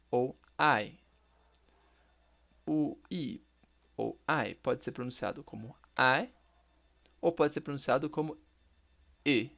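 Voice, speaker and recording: A man teaching a recorded English lesson. His voice has a gravelly, fry-laden edge, and he takes his time, speaking slowly and deliberately. He repeats each example phrase so learners can follow. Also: medium pitch.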